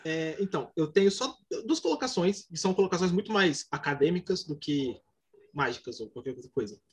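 A man's voice: a little high, expressive, a little fast. A man giving academic, explanatory remarks in a group discussion.

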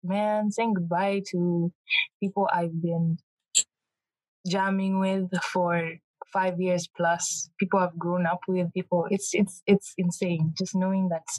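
A young woman from Kenya talking casually as an interview guest, animated and quick to laugh, with frequent restarts. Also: fairly low pitch, no echo, rough recording.

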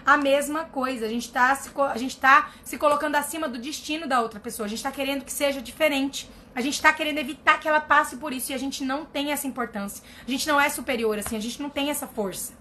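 Woman therapist, blunt and emphatic, bright voice with faint room noise. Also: high voice, fast talker, hardly any pauses. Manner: blunt, emphatic, repeats herself for stress. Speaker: family constellation therapist answering viewer questions. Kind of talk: casual live advice reading comments.

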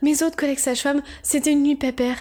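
A woman's voice: sits high, level tone, fast, dark tone. A woman chatting casually and telling stories in crude slang, with a giggly manner. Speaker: midwife telling work anecdotes as podcast guest. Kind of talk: casual chat, storytelling.

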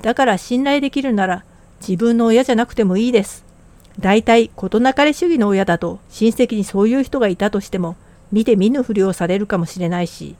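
A woman's voice: mid-range voice, fairly quick, darkish tone, no echo. A woman co-hosting a podcast, talking in a blunt, casual, plain way. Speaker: podcast co-host.

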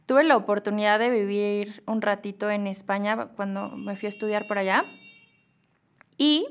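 A young adult woman with a Mexican Spanish accent, a clinical psychologist hosting a casual podcast monologue, chatty and animated, acting out quoted dialogue with a raised voice. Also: medium pitch, normal speed.

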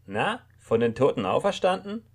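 A man with a lowish, darkish, natural voice speaks at normal speed, playing a stern, snippy woman of about thirty who has the upper hand. She is a red-haired armed rebel, firm and cool, giving commands.

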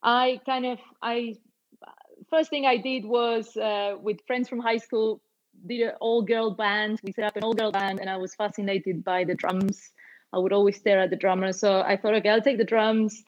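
The highs are missing from this recording of a musician and label owner in her forties who hails from Argentina. She talks as an interview guest in a warm, rambling, casual way with many fillers and restarts, her mid-range voice steady and moderately paced.

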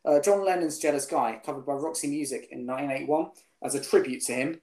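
A man hosting a podcast questions his guest casually, stumbling through restarts and fillers in an echoey room. He talks fast, with a darkish voice on the high side.

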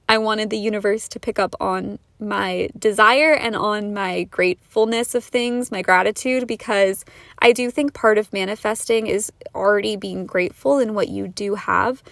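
A woman's voice: mid-range voice, gravelly, fairly bright tone, dry recording, clean studio sound. A young woman hosting a podcast, talking earnestly and casually with lots of fillers, a little out of breath. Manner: earnest, chatty, fillers like "like" and "you know". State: a bit out of breath from talking fast. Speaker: podcast host. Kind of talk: casual solo podcast monologue.

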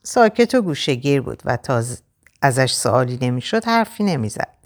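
Woman narrator for a first-person story, low voice, very lively pitch, measured and expressive.

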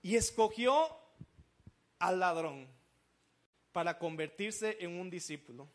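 Man, pastor; lively sermon storyteller, unusually high pitch. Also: takes it slowly. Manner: animated storytelling, acting out quoted voices.

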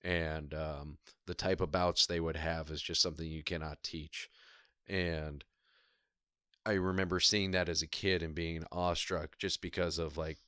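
Deep-voiced man, calm and measured. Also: clear, resonant tone, dry recording, clean studio sound. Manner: thoughtful, measured storyteller with frequent ums. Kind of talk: casual chat.

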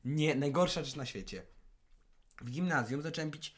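A man's voice: fairly high pitch, animated, moderate pace. A teenage man co-hosting a casual podcast, chatty and jumping from topic to topic. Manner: chatty, jumps between topics. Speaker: podcast co-host. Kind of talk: casual chat.

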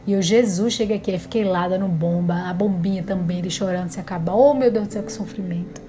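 A woman's voice: fairly low pitch, steady tone, fast talker, dark tone. A woman, a mother telling a devout, emotional story in a casual vlog. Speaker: mother and vlogger.

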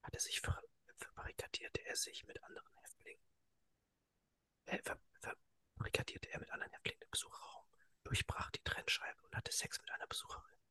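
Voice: a little fast, bright, forceful tone. A podcast co-host whispering a story, stumbling and restarting words. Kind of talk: whispered casual chat.

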